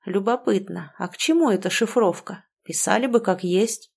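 A kindly old grandfather with a gentle, soothing way of talking, as a woman narrator voices him. He frets over his granddaughter in this audiobook. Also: mid-range voice, moderate pace, gravelly, husky. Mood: calm musing.

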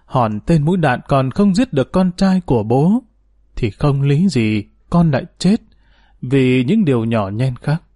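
A man's voice: mid-range voice, animated, a little slow, warm tone, no room sound, clean studio sound. Man reading as a remorseful father near sixty. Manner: grave, regretful reading.

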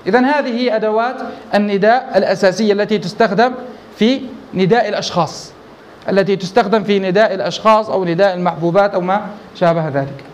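Brisk high-voiced male sheikh teaching. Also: slight background noise. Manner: explains step by step, asks and answers his own questions. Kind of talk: classroom lesson explaining verse.

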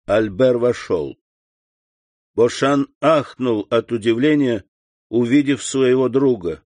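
A man narrating a classic novel as an audiobook in an even, measured reading. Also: mid-range voice, dry recording. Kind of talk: scripted narration.

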